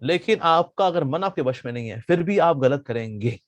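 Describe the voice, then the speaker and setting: A man voicing an elderly male sage teacher, calm and knowing, who speaks slowly when calling out. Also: a little high, no room sound, close to an everyday voice. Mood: cautioning.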